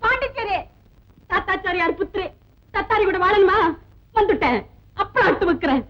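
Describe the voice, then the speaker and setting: A nagging wife, super high shrill voice, sharp tongue, muffled old movie sound. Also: female voice, expressive, moderate pace. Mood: complaining. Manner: sharp-tongued, nagging, swings between laughing and sobbing. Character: fed-up young wife of a turncoat husband. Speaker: exasperated wife. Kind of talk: 1970s film comedy acting. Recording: dull old film soundtrack.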